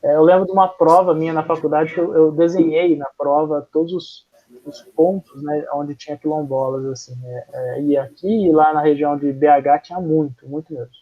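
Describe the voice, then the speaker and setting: A young adult history teacher from Brazil gives a casual classroom lecture in a Brazilian Portuguese accent, chatty and informal with frequent fillers and restarts. His fairly high voice is steady at a normal speed, and the recording sounds dull and lo-fi.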